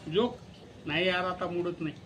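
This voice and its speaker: A man, a father, telling a comic story in an animated way and laughing at his own punchlines. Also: high voice, moderate pace, background noise.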